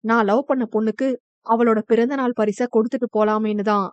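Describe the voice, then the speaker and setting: A woman's voice: fairly high pitch, fairly even intonation, a little fast, dry recording, highs cut off, close to an everyday voice. A woman voicing a stern young man who is the male lead of a romance audio novel, speaking in a curt, clipped way. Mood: cold.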